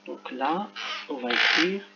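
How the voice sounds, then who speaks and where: A male teacher correcting a reading exercise for children, talking slowly and carefully and spelling out each sound as he works. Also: medium pitch, expressive, vocal fry, dull audio, background noise. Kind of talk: screen-recorded lesson correction.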